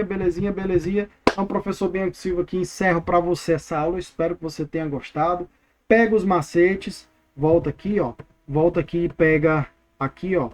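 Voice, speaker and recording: A Brazilian man teaching an exam review lesson, energetic and playful, drilling words by repeating them. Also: high-pitched. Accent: Brazilian Portuguese.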